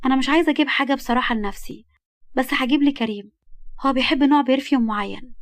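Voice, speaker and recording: Brief: hurt young wife, voiced by a woman storyteller, Egyptian accent, timid and pleading, quick. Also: high-pitched, no echo, clean studio sound, voice pushed up, lightly acted. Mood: gentle. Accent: Egyptian Arabic.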